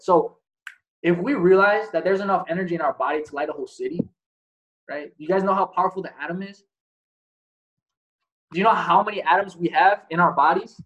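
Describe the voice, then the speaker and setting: A man's voice: high-pitched, a bit bright, highs cut off. A man giving a casual motivational talk as host, blunt and profane, asking many rhetorical questions. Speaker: podcast host.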